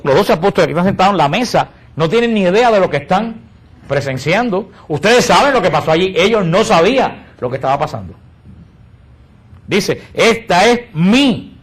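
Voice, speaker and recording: High-voiced man teaching the faith. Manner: asks the audience questions and answers them himself. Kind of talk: catechesis talk.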